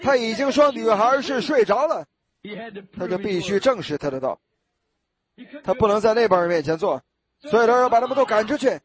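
A male preacher with a high voice delivers a sermon. He retells a scripture story vividly and acts out its scenes along the way. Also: expressive, a little fast, pauses often, a crowd in the background.

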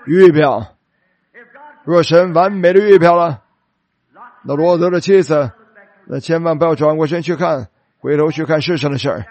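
A man preaching a sermon, telling a story dramatically and slowing down for emphasis. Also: on the high side, darkish tone.

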